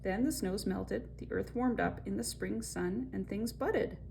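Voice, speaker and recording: Creaky-voiced woman hosting story time. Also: mid-range voice, a little slow, slight background noise. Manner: expressive, conversational, addresses young viewers directly. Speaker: host of a children's story time. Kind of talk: picture-book read-aloud with chatty asides.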